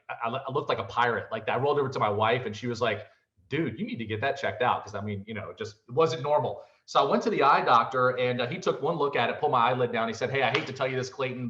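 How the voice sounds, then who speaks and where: A man in his forties giving a casual, fast-paced, chatty presentation as a real estate host. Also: medium pitch, a bit bright. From Virginia, United States. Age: 40s. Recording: roomy, dull lo-fi sound.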